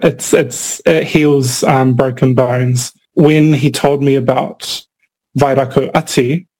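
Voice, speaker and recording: A man's voice: mid-range voice, a little mellow, poor audio. Young Cook Islands man, thoughtful. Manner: thoughtful, many fillers and restarts. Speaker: filmmaker guest. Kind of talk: interview answers.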